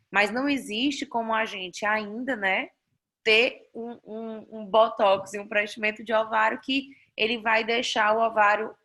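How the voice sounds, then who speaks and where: A woman doctor with a Brazilian Portuguese accent teaches a fertility class online over a video call, explaining her slides step by step, restarting sentences and frequently checking in with "né?". Her voice is medium-pitched, pushed and bright.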